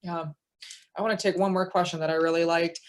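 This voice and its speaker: A woman moderating a panel, reading audience questions in a brisk, friendly way. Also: on the low side, little pitch movement.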